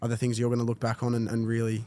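Man, mid-pitched voice, podcast host, friendly questions, dry close sound. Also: completely flat delivery, rapid-fire, dark tone, no echo. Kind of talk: casual podcast interview.

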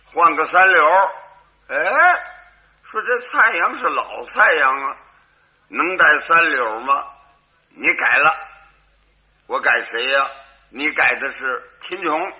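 A man's voice: a little high, animated, slow pace, long pauses, sharp tone. A man performing a crosstalk comedy routine as lead storyteller, switching between his narration and character voices.

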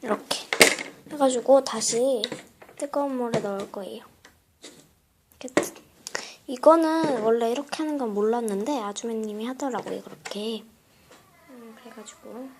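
A young woman chatting casually through a step-by-step craft tutorial at home, often dropping into soft whispers as she works. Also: a little high, normal speed, long pauses, background noise. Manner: chatty, drops to soft whispers while working. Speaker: craft vlogger.

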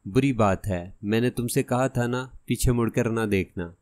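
A man voicing a cunning masked gunman in an audiobook who gives hushed, threatening orders. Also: mid-range voice, no room sound, lightly acted. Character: menacing masked male gunman, cunning and cold.

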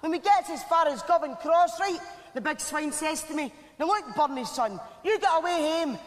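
Shrill, cocky Glasgow street lad. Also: male voice, lively intonation, moderate pace, long reverb tail. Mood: brash. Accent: Glaswegian street accent. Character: cocky, combative young boy, Glasgow street urchin son. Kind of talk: live stage sitcom performance. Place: large theatre stage with audience. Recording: noisy old videotape of theatre show.

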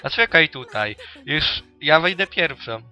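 A man's voice: on the high side, lively intonation, measured pace, bright, forceful tone, faint music behind, voice pushed up, heavily acted. A man voicing a brash teenage girl who bosses people around. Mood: bossy. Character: brash young woman, teen classmate, bossy older sister.

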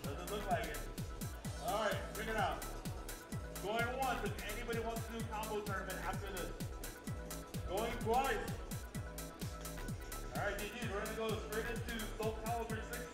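A man's voice: high voice, moderate pace, pauses often, reverberant, over loud music. A man making tournament announcements to the crowd over the venue PA. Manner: calling out to the crowd. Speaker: tournament organizer.

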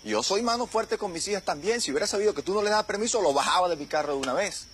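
An actor playing a sly middle-aged family patriarch who coaxes and dodges, in a telenovela scene with music underneath. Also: male voice, high voice, animated, quick pace, fairly bright tone, a little hiss or hum. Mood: placating. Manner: smooth-talking, coaxing, evasive. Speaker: father. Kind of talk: telenovela acting.

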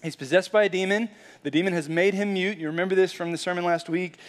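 A pastor preaching a sermon in a conversational, animated way, often saying "like" and restarting phrases. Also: male voice, high-pitched, fast. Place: church sanctuary.

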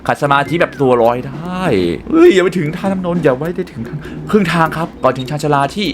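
A young man hosting a gaming channel, excitedly commenting on a puzzle game and talking to his viewers. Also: a little high, fast, over music. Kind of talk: let's play commentary.

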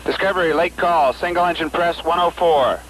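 Ground controller, male, radio-filtered voice, terse procedural callouts, slightly higher pitch, faint hiss behind. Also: a little fast, a bit bright, poor audio. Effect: air-to-ground radio transmission. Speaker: mission control capsule communicator.

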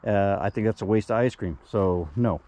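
A man's voice: fairly low pitch, moderate pace, warm tone. A man filming himself outdoors in a yard, going through items from a storage unit in a loose, rambling way with lots of fillers. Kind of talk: casual filmed walkthrough. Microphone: handheld camera, first-person view.

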